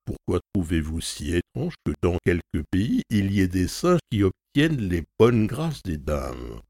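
A man's voice: low voice, very animated, a little slow, dark tone, dry recording, clean studio sound, full character voice. A man voicing a shrewd, persuasive valet. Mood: calm, wry. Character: shrewd loyal male servant, calm and persuasive.

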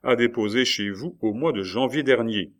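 A man's voice: mid-range voice, normal speed, close to an everyday voice. A man voicing a stern male magistrate who questions with formal insistence.

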